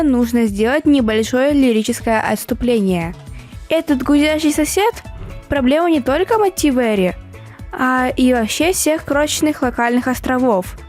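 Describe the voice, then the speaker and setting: A woman's voice: on the high side, a little mellow. Woman narrating a playful travel voice-over. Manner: playful, storybook-like wording. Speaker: travel vlogger. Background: faint music.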